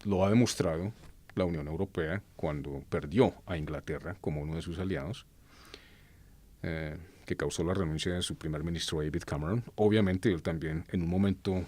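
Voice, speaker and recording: A man born in Colombia giving earnest, unscripted political commentary, pausing often with hesitations and correcting himself as he goes. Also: low-pitched, dark tone.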